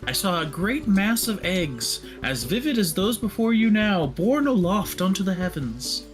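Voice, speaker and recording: A man's voice: sits high, very animated, unhurried, faint music behind. A man doing a grand, dreamy festival host. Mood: grandiose. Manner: theatrical, formal storybook delivery. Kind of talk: reading game dialogue aloud.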